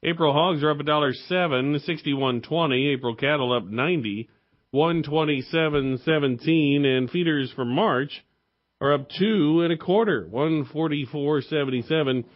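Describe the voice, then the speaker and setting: A man's voice: fairly high pitch, moderate pace, lo-fi sound. A man reading commodity market prices like stock quotes for radio, in a clipped, list-like delivery of figures. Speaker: radio host and market reporter.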